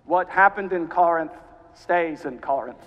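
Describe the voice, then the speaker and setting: This man, a cathedral canon from South Carolina, USA, gives a guest sermon despite jet lag, pitched fairly high. He has a mid-Atlantic accent, part American Southern, part British, and a genial, measured style with dry wit. The church recording is dull-sounding with long reverberation.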